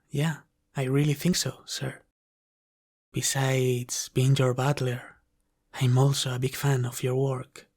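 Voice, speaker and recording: In a soft ASMR roleplay with scripted character acting, a man portrays a devoted dragon butler who is courteous, formal, gentle, and deferential. He speaks very slowly at a medium male pitch with a level, restrained melody, sounding earnest and apologetic.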